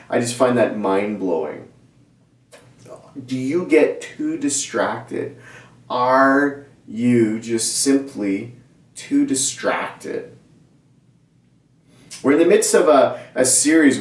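Middle-aged male pastor, casual conversational sermon, mid pitch, recorded in a reverberant room from a distance. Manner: conversational, animated hand gestures, frequent restarts. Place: small church studio set, indoors. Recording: roomy echo, mic at a distance.

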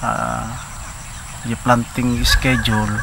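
A middle-aged Filipino man speaks haltingly in an outdoor documentary interview, slipping English words into his sentences. His delivery is flat and even. Clear rural noise with insects sits behind him. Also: medium pitch. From Philippines. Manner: halting, searching for words, mixing English terms. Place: outdoors by a rural pond with hills.

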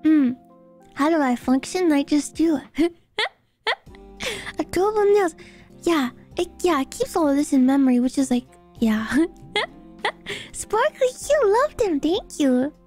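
A woman's voice: high-pitched, a little slow, pauses often, warm tone, faint music behind. A woman livestreamer chatting casually with her viewers in a giggly, playful manner.

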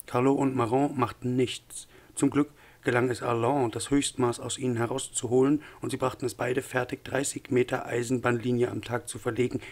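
A man reading an audiobook in a measured, even narration with a husky voice. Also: mid-range voice. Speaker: audiobook reader.

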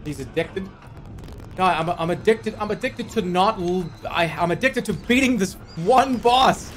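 A man's voice: high voice, unhurried, fairly bright tone, slight background noise. A man in his thirties giving exasperated live gameplay commentary, often repeating short phrases and swearing. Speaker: video game streamer.

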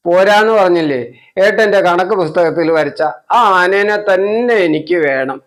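A man's voice: sits high, normal speed, voice pushed up, close to an everyday voice. A man voicing a small, stubborn little boy who cries and pleads insistently. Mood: tearful, stubborn. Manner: whiny, insistent, tearful pleading.

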